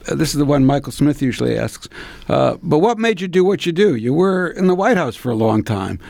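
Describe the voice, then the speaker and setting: A man's voice: on the high side, sing-song, brisk, gravelly, darkish tone, no room sound. A male interviewer asking questions hesitantly, searching for his words. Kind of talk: conversational interview.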